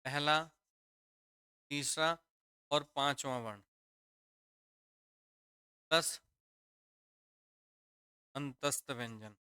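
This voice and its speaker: A man's voice: mid-range voice, very slow, long pauses, sharp tone, smooth, no room sound, studio quality. A man teaching a grammar lesson, repeating each point and quizzing his students with questions, calling them children. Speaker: Hindi teacher.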